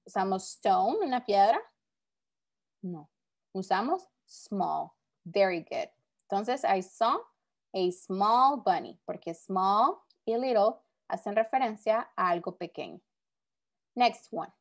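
A woman's voice: medium pitch, lively intonation, slow pace, creaky. A woman teaching a recorded English vocabulary lesson, explaining each word patiently and repeating it.

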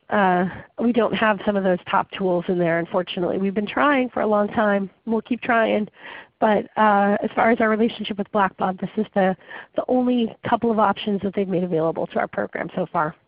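A woman's voice: medium pitch, dry recording. A woman hosting a webinar, talking in a conversational way with frequent ums, her voice muffled from a cold. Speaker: webinar host. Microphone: webinar call audio. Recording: dry, phone-like webinar audio.

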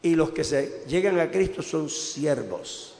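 A male pastor preaching a sermon, swinging from quiet asides to loud outbursts. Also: a little high, animated, slow. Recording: echoey hall reverb.

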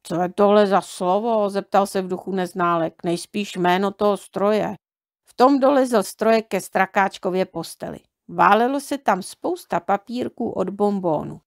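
A woman reading a children's book aloud in a calm, measured way. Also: mid-range voice, vocal fry, no echo, clean studio sound. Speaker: audiobook reader.

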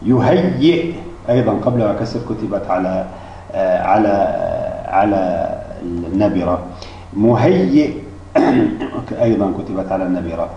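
A man's voice: sits low, creaky, warm tone, slight background noise. A man teaching Arabic spelling rules, explaining step by step with frequent restarts and hesitations. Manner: halting, many restarts and fillers. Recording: distant mic, echoey room, dull lo-fi.

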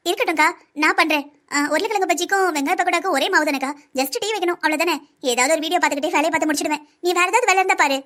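A woman's voice: extremely high pitch, very fast, fairly bright tone. A woman voicing an eager, helpful young sister-in-law in a cartoon, chatty and willing.

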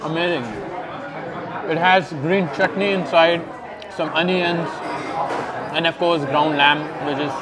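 Speaking a little slowly with frequent pauses, a young man with a fairly high voice hosts a food vlog on a lapel mic. He casually describes every dish while chewing, and the restaurant's crowd chatter fills the background.

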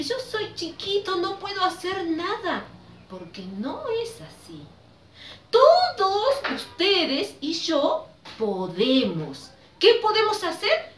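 Woman, children's sermon, lively high voice, slow, distant mic, faint room noise. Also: reverberant. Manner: slow, sing-song teaching voice, leading children in prayer. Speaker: children's ministry teacher.

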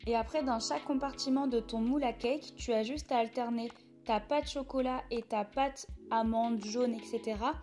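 A young woman talks the viewer through a recipe in a light, high voice. Her voice-over is chatty and direct. Quiet music plays beneath her. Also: fairly even intonation, normal speed. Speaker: cooking vlogger. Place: home kitchen.

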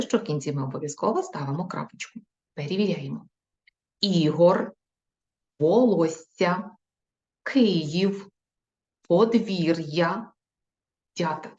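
A woman teaching young children in a recorded video lesson. She dictates slowly and carefully and repeats each word. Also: lowish voice, darkish tone. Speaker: primary school teacher. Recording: echoey room, dull lo-fi sound.

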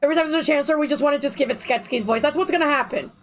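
High-pitched woman streaming a video game. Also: very fast. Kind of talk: joking live gameplay commentary.

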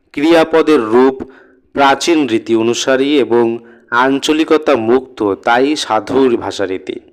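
A man teaching a grammar lesson, reading from the textbook and adding explanations for his students. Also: medium pitch. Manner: slow, deliberate reading with spoken asides to students.

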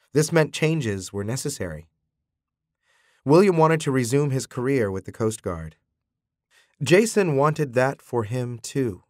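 Expressive male audiobook narrator. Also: mid-range voice, no echo, clean studio sound. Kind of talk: scripted narration.

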